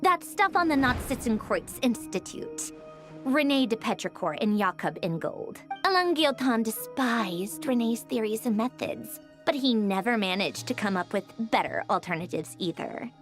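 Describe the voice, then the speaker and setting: A woman's voice: a little high, very animated, normal speed, soft background music. An actress voicing a cold, haughty woman commander in a fantasy game, speaking in a dismissive, clipped way. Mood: measured. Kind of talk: video game cutscene voice acting.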